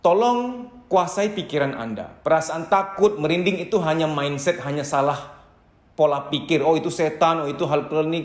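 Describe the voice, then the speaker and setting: A man's voice: fairly high pitch, echoey room. A man giving a psychology lecture, emphatic and instructive, speaking directly to his listeners. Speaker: psychology trainer. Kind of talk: lecture to camera.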